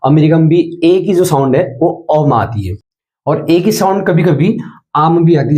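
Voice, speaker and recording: A man's voice: on the high side, mellow. A man teaching English letter sounds in a patient, explanatory lesson, spelling words out letter by letter.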